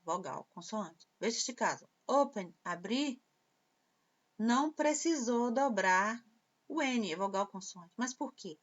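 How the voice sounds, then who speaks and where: A woman teacher explaining English grammar slowly and patiently. She repeats example phrases and translates them. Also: on the high side. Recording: dull lo-fi sound.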